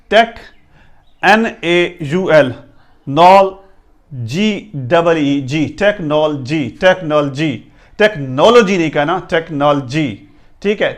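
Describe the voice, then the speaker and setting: A man with a Pakistani accent teaching English pronunciation, spelling each word out letter by letter and repeating it slowly. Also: a little high. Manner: slow and repetitive, drilling each word.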